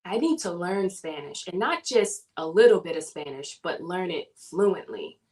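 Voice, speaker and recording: In a relaxed interview, a guest from the southern US recounts her story with lots of animation and frequent laughter. Her voice is on the low side, and she speaks at a moderate pace.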